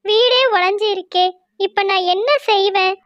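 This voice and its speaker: A woman's voice: extremely high pitch, moderate pace, fairly bright tone, dry recording, dull audio. A woman voicing Laila, a hardworking, honest young female crow who builds houses in a cartoon story. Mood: distressed. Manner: earnest, pleading.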